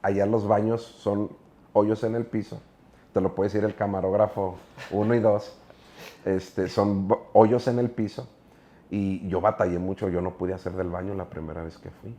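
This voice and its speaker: A man's voice: lowish voice, little pitch movement, moderate pace, mellow. A middle-aged man with a Mexican accent, a preacher telling stories in an interview, earnest and rambling with many filler words. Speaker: guest preacher. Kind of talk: casual interview storytelling.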